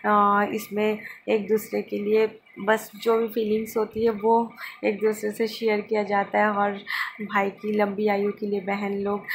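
Woman chatting thru her phone vlog, keeps saying look look, kinda creaky and monotone. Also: mid-range voice, a little hiss or hum. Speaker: vlogger. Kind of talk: casual vlog narration to viewers.

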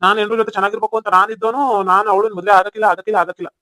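A man's voice: high voice, flat delivery, very fast, bright, forceful tone, no room sound. A man voicing a stubborn young village man in a cartoon, speaking with a North Karnataka Kannada accent. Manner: stubborn, insistent. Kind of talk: cartoon voice acting.

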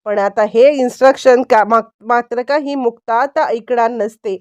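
A woman narrating a TV serial episode in a quick storytelling manner, briefly acting out the characters' lines. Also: on the high side, darkish tone, no room sound. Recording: dry, muffled lo-fi sound.

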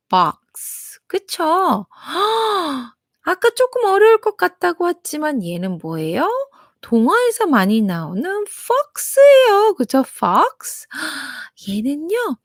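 A high, swooping woman's voice teaching phonics to young children, stretching each sound slowly and cheering them on. The recording is close and dry, with no room sound. She speaks unhurriedly and sounds out every letter in an exaggerated way. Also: dry recording. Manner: sing-song, encouraging, exaggerated sounding-out.

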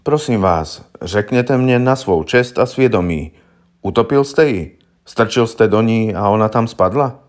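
An earnest young defense lawyer, read aloud by a man for a storybook audiobook. He speaks formally and patiently, in a somewhat low voice, a little naive in his seriousness. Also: natural voice. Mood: probing.

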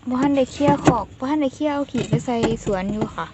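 A woman with an Isan Thai accent chatting casually while doing farm chores, softly coaxing her poultry and slipping into simple English. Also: high voice, racing. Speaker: vlogger. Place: outdoor poultry coop at night. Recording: loud background noise and clucking poultry.

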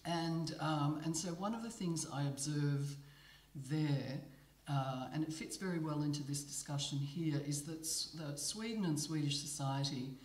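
A middle-aged woman from Australia, speaking as a migration researcher on a panel, measured and thoughtful with many pauses. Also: low voice, darkish tone. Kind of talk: panel talk at a book presentation. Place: gallery room, panel at a table. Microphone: table mic on a stand. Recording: roomy gallery echo.

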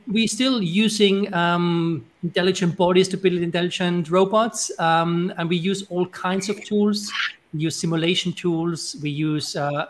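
Austrian guy on a video call, bit higher voice, steady and friendly, lots of ums. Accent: Austrian German. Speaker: robotics professor, panelist. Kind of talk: online panel talk. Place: home room with bookshelves. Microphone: video call with earphones.

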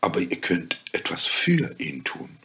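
Ein Mann spricht in einer Märchenlesung eine gütige Fee, leise, langsam und sanft. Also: male voice, sits low, very animated, slightly rough, whispered, full character voice. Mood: gentle. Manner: soft, slow and quiet. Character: gentle kind fairy woman, calm and wise.

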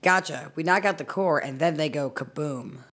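An actress playing a tough, blunt female ship engineer in an audio drama, crude and deadpan, with a low, gravelly voice. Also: moderate pace.

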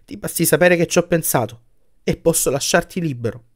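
A man voicing a sorrowful young woman in an audiobook, speaking softly and quietly as she lets her lover go. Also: a little high, a little fast, close to an everyday voice. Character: young woman, sad, gently firm.

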